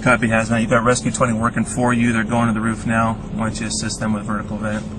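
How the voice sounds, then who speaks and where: A man's voice: lowish voice, monotone, fast talker. A man working as a fire incident commander, giving terse, directive radio orders to crews at an emergency scene. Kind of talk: live firefighter radio dispatching. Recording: very noisy fireground with radio and vehicles.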